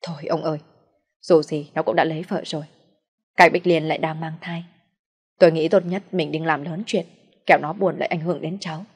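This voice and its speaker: Woman playing a worried elderly mother, gentle pleading, low voice. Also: fairly even intonation, brisk, long pauses, husky. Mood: distressed.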